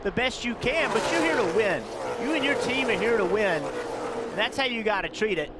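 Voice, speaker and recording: High male motorsport analyst over loud cars. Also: very animated, moderate pace, vocal fry. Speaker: TV race analyst. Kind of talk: live motorsport commentary. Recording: loud car noise behind the voice. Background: loud race cars outdoors.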